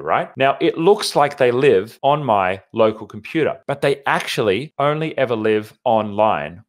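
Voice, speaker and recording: Lowish-voiced man explaining tech setups. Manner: conversational, walks through a screen demo. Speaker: IT consultant host.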